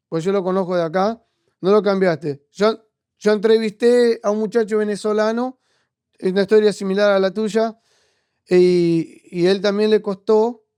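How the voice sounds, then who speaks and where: A man with an Argentine accent, interviewing a guest in a reflective, halting way. His voice sits fairly high and sounds clear, recorded dry and close. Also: warm tone, no echo. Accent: Argentine Spanish. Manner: reflective, hesitant, restarts often. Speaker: podcast host. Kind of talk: conversational interview.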